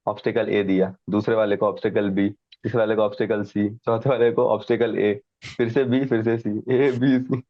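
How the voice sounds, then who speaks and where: A man's voice: fairly low pitch, little pitch movement, normal speed, no room sound, highs cut off. A man telling stories as an interview guest, laughing often and mixing in English phrases. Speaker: guest, defence exam candidate. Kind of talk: casual storytelling chat.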